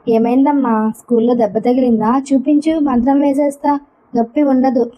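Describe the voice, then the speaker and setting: A woman's voice: high-pitched, fairly even intonation, moderate pace. Woman playing a soothing old grandmother. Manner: soothing, tender. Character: gentle, worried grandmother. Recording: dull lo-fi recording.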